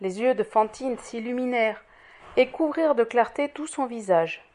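A woman narrating a classic novel in a measured, expressive audiobook reading. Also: on the high side. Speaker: audiobook reader. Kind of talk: scripted narration.

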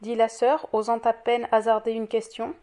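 A woman narrating a classic novel in a measured, expressive audiobook reading. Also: on the high side. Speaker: audiobook reader. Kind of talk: scripted narration.

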